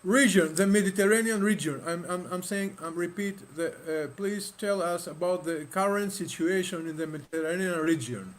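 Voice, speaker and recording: A man with a notably high voice hosts an online panel over a video call. He talks haltingly, restarting and repeating himself and filling gaps with "uh". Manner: halting, repeats words, many fillers. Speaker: host.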